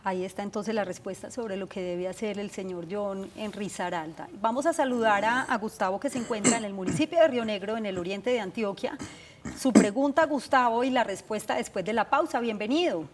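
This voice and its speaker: A woman with a Colombian accent hosting a TV call-in show, briskly steering callers to their questions. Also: medium pitch. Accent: Colombian Spanish. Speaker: TV show host. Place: TV studio.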